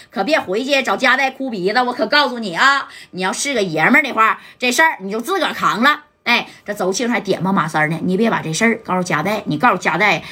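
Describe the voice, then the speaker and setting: A woman's voice: on the high side, sharp tone, slightly rough, exaggerated voice. Woman doing taunting arrogant male gang boss. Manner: taunting, bullying.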